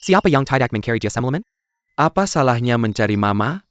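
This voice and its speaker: A man's voice: medium pitch, big pitch swings, fast talker, no room sound, close to an everyday voice. A man dubbing a defensive husband. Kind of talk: dubbed drama dialogue. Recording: dull lo-fi dub with music behind.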